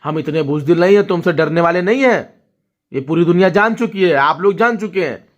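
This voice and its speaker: A young man talks to the camera and tells a long family story. His voice sits a little high, and the recording is dull and lo-fi. He keeps checking in with his viewers as he goes. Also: a little fast. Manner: storytelling, addresses viewers directly with frequent "ठीक है?". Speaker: vlogger. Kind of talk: casual talk to camera.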